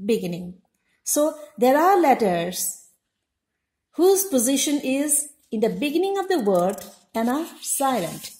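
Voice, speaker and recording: Slow, high-voiced woman teaching a lesson. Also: a little mellow. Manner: repeats each example word slowly and explains. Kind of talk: slow, deliberate classroom lesson. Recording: echoey room.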